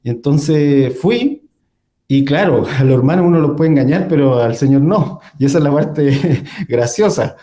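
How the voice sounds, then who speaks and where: A man's voice: mid-range voice, moderate pace, hardly any pauses, dark tone. A young man, telling a personal story in casual conversation, with many fillers and small laughs. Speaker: guest.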